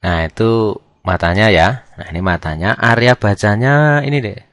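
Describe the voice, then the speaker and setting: Young male tutor, low voice, dry recording, chatty self-questioning delivery. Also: normal speed, fairly bright tone, no echo. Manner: chatty, asks and answers his own questions, lots of "nah" and "kan gitu". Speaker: physics tutor. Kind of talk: casual whiteboard lesson.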